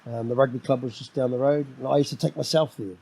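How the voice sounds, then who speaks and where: Fast and steady in tone, a middle-aged New Zealand man talks casually as a podcast guest, his loud, domineering voice rambling and repeating words whenever he starts a sentence. The mid-range voice is gravelly with a breathy edge, and the audio is poor.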